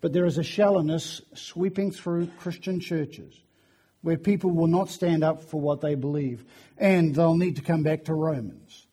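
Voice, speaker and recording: Hoarse fifty-something preacher, high voice. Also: male voice, steady tone, measured pace, dark tone. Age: 50s. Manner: chatty, self-deprecating storytelling. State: hoarse from flu. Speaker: guest preacher. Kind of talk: sermon. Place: church.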